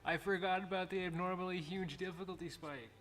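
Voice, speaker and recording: Man, streamer, casual chat, self-deprecating, slightly raised pitch, faint noise. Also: fairly even intonation, a little fast, fairly bright tone. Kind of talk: casual gameplay commentary.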